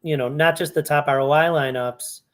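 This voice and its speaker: With a voice on the high side and fairly even intonation, a man talks at a moderate pace through fantasy hockey lineups. He's a fantasy sports analyst doing a casual screen-share walkthrough, musing aloud and self-correcting.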